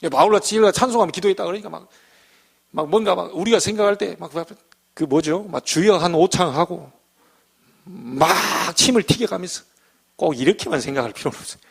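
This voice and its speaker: A man preaching a midweek church sermon, talking in a lively, conversational way and acting out little everyday scenes. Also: high voice, a little fast, gravelly, breathy edge. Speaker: pastor.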